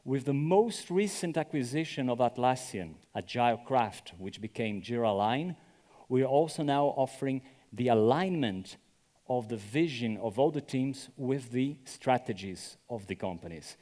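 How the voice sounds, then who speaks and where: At a conference venue with reverberant hall acoustics, a Brazilian speaker delivers a chatty talk, regularly turning to the audience with "right?". He sounds animated and mellow in a mid-range voice at normal speed.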